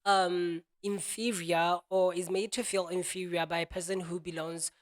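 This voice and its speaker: At normal speed and with a flat, high-pitched delivery, a Botswanan man reflects aloud as a self-help speaker. His musing is peppered with "you know," and he voices imagined people in quotes.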